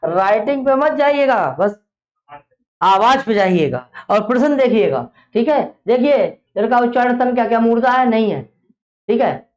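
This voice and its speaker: A woman's voice: fairly high pitch, expressive, moderate pace, a little mellow. A woman teaching an exam-prep class, who fires off a question, repeats it, and then answers it herself. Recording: dull lo-fi classroom recording.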